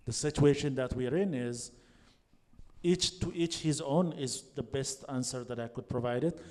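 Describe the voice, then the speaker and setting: A man in his thirties from Ethiopia moderating a panel discussion with long, measured, structured questions, speaking into a handheld microphone on stage. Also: medium pitch, dark tone. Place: glass greenhouse event space, seated on stage.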